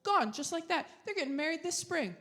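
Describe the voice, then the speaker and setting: A woman's voice: extremely high pitch, very animated, brisk, pushed and bright. A young woman doing live stand-up comedy, sardonic and self-deprecating, acting out quoted voices. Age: young adult. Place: comedy stage before a live audience.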